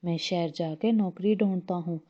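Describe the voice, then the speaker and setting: A woman's voice: lowish voice, normal speed, natural voice. A woman voicing a lazy, boastful male drake husband in a slightly dull lo-fi recording. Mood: coaxing.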